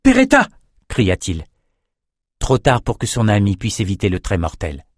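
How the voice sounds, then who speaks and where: A man reading a fantasy story aloud as narrator, in a measured, dramatic way. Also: on the low side, darkish tone, no room sound, clean studio sound.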